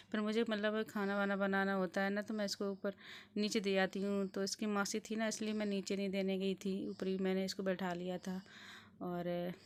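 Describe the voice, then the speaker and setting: A woman's voice: mid-range voice, clear, resonant tone. A young woman narrating a casual home vlog about her baby, rambling with fillers and restarts. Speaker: vlogger, mother.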